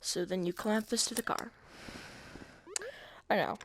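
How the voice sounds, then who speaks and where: A man's voice: sits high, steady tone, unhurried, background noise. A man talking through a casual screen-recorded game tutorial, hesitant and self-deprecating, with many fillers and restarts.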